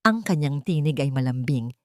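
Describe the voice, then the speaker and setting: A woman storyteller narrates a scripted dramatic story in a rumbling low, slightly mellow voice with lively intonation and a moderate pace. The recording is dry and studio-clean.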